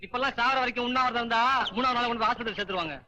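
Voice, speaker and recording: A man's voice: very high voice, racing, pushed and bright, lo-fi sound, a little hiss or hum, heavily acted. An actor playing a cheeky young male student, the class joker, in a 1990s comic film scene. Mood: joking. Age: young adult. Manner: cheeky, joking. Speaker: college student.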